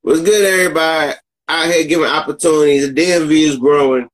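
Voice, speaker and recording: A man's voice: fairly high pitch, steady tone, fast, rough recording. A man hosting a casual livestream podcast, talking in a hyped-up way, repeating himself and stumbling over words. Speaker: podcast host. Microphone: phone camera.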